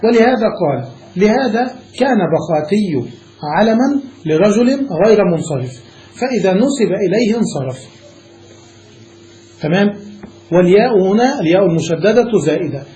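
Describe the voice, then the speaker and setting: A man's voice: sits high, sing-song, moderate pace, warm tone. A sheikh teaching a classical grammar lesson. He explains step by step and often checks that his students are following. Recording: echoey room with faint noise.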